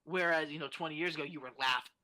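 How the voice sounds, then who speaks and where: A man's voice: on the high side, fast talker, sharp tone. A young adult man talking as a guest in a casual podcast chat, ranting animatedly and swearing a lot.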